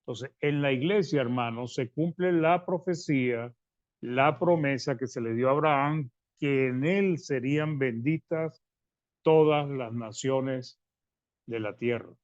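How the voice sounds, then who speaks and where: Reading scripture and then unpacking it, a preacher calls his audience brothers as he gives a Bible-study sermon. He stops and restarts haltingly, his phrases fading softly at the end, and his mid-range voice comes through a dry, slightly dull recording.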